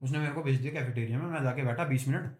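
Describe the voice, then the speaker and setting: A young man telling a story from his own life on a podcast. He talks in a lively, casual way, mimics the people he quotes, swears freely and often laughs as he speaks. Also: medium pitch, racing. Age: young adult. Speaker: podcast guest. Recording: echoey room.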